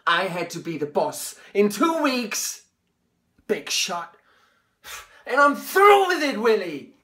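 A man in his thirties or forties playing an anguished, bitter grown son in an intense stage monologue, speaking emphatically with halting pauses. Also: sits high, big pitch swings, bright, forceful tone, full character voice. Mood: angry, accusing. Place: small indoor room.

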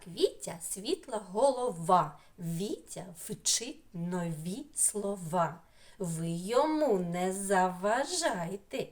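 A middle-aged preschool teacher from Ukraine leads an online phonics lesson for small children. She speaks in an unhurried, gently paced way and stretches each sound in a sing-song voice. Her pitch sits in an ordinary middle range. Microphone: computer mic in an online class.

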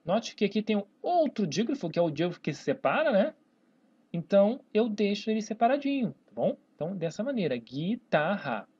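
Brisk and sing-song, with a mellow, husky medium-pitched voice, this Brazilian-accented teacher explains Portuguese grammar on a whiteboard. They keep checking in with "né?" and "tá, pessoal?" while stretching words out syllable by syllable, in a dull lo-fi recording.

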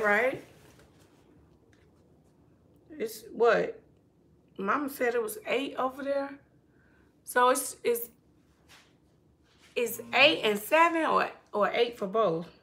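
A woman's voice: a little high, fairly bright tone. A woman hosting a casual live stream from home, chatting to viewers and to her houseplants. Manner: slow, chatty, talks to her plants and to viewers reading comments.

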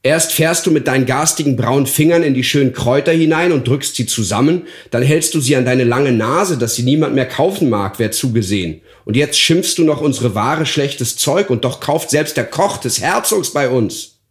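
A man plays a plucky twelve-year-old boy at a market stall, loud and forthright, his voice lifted well above a grown man's. He calls out and scolds with spirited force. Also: on the high side, expressive, normal speed, few pauses, echoey room, pitched above the performer's own voice, lightly acted. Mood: indignant. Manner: loud crying out, indignant scolding.

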